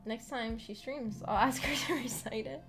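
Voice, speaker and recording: Giggling and making fun of herself, a woman streamer shares personal anecdotes in casual chat as host of a visual novel book club. Her voice is a little high and fairly bright, at normal speed, with music in the background.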